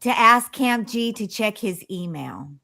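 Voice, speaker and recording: A woman hosting a live chat show, talking haltingly with "um" and "so", relaying messages from the chat. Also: mid-range voice, animated, creaky, pushed and bright. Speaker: host. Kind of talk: casual chat.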